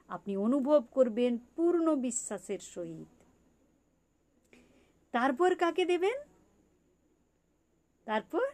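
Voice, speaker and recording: A woman's voice: on the high side, dark tone. A woman giving a spiritual teaching talk on meditation for farmers, repeating her points and asking the listeners rhetorical questions.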